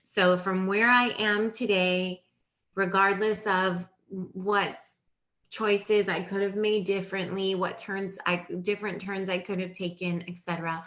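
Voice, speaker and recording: Bright-voiced woman in her forties. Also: medium pitch, steady tone, unhurried. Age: 40s. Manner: earnest, explanatory, thinks aloud with restarts. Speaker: host of a fertility Q&A. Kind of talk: live-streamed advice talk.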